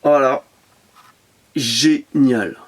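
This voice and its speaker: A man's voice: medium pitch, extremely slow. A man chatting enthusiastically as he shows off his toy car collection to camera, with lots of fillers and repeated words, recorded at home on a camera mic. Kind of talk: casual unboxing commentary.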